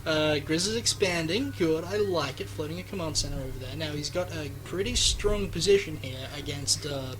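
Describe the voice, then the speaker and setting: Higher-voiced man casting a game, sarcastic. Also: normal speed, hardly any pauses, rough recording. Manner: chatty, sarcastic, gets loud and excited in fights. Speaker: game commentator. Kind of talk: live esports commentary.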